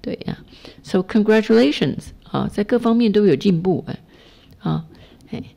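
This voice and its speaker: A woman's voice: medium pitch, animated, normal speed, vocal fry, warm tone. A middle-aged woman from Taiwan teaching a class, chatty and encouraging, full of fillers as she models pronunciation for her students. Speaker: English teacher leading a Buddhist study class. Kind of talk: casual classroom coaching.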